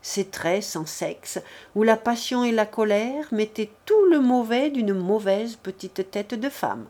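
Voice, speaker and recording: A woman reads a classic novel aloud as an audiobook narrator. Her delivery is slow and unhurried, measured and deliberate, at an ordinary middle pitch for a woman. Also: animated, warm tone. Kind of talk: scripted literary narration.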